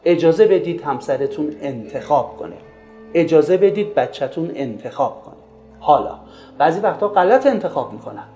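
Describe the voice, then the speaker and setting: A man giving a lively talk on raising children, pressing the listener with rhetorical questions. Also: a little high, lo-fi sound. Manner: asks many rhetorical questions. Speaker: religious parenting speaker. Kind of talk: lively lecture retelling a story. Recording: roomy echo with faint music.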